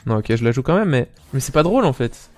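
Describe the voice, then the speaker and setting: Belgian streamer, animated and sweary. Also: male voice, medium pitch, quick pace, faint music behind. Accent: Belgian French. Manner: animated, swears often, talks straight to viewers. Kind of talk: casual gameplay commentary.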